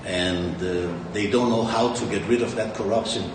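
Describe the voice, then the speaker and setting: Here the Danish founder speaks at a moderate pace in a voice on the low side, boasting and wandering through his conference speech. Recorded from afar in a large echoing hall, the audio has faint ambience and a noisy background.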